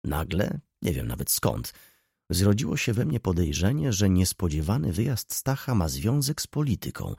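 Deep, gravelly male audiobook narrator. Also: no room sound, studio quality. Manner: measured, expressive reading. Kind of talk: audiobook narration of a classic novel.

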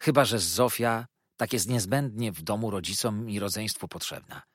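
A man's voice: on the low side, normal speed, husky, no echo, studio quality. A man reading an audiobook, voicing a cheerful young male lawyer who rambles eagerly about his new marriage. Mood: effusive.

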